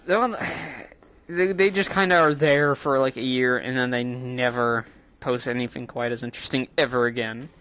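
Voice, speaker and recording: A man's voice: medium pitch, steady tone, normal speed, fairly bright tone. A young man streaming a game, rambling casually with plenty of swearing and self-interruptions. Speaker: gaming streamer. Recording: dull lo-fi mic with faint hiss.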